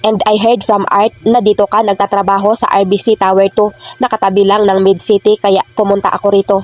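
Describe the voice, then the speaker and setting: A woman reading the lines of a cool, composed young businessman in a calm, low-key way. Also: fairly quick, lightly acted. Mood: cool, concerned.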